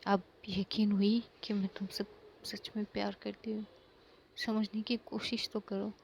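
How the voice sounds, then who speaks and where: Female reader doing a pleading young woman in love, slow-paced. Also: medium pitch, level tone, vocal fry, a little hiss or hum. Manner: pleading, earnest.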